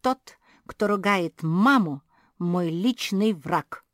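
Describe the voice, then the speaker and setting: A woman's voice: on the low side, expressive, takes it slowly, fairly bright tone, dry recording, clean studio sound. A woman voicing a defiant, fiercely loyal female pug puppy in an audiobook.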